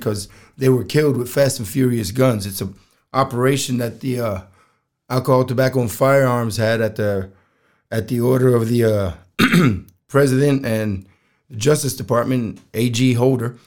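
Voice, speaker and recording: A man hosting a solo podcast, telling stories casually in a rough, strained voice, halting and plain-spoken, often clearing his throat. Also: mid-range voice, a little mellow. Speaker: podcast host.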